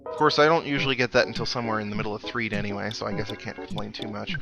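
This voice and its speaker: Over video game music, a let's play host delivers relaxed, talkative commentary with wry asides. He speaks at a racing pace in a voice on the low side with vocal fry and fairly even intonation.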